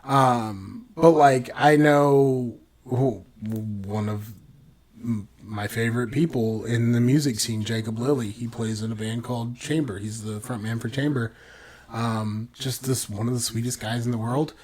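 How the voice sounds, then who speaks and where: This man co-hosts a podcast, his talk casual and meandering, full of "like" and punctuated by abrupt spikes of excitement. He speaks in an unhurried, mid-range voice with a darkish tone and fairly level intonation.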